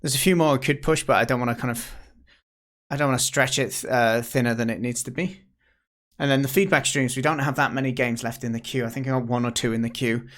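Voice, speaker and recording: A man from the UK, a game developer, chatting casually on a livestream, thinking aloud with halting restarts and sounding tired. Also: mid-range voice, fairly bright tone. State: tired, yawning.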